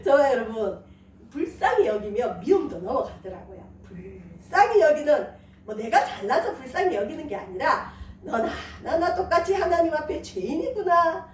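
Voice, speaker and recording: A woman's voice: high-pitched, normal speed, a little hiss or hum. A woman pastor delivering a sermon, telling stories with laughter. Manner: lively storytelling with laughter. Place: church sanctuary. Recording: echoey church hall, from far off.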